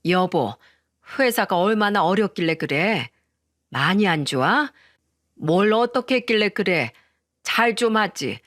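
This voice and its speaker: Selfish older mother-in-law, nagging and sharp, read by a woman narrator, dry mic. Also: medium pitch, expressive, unhurried, no echo. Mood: fretful.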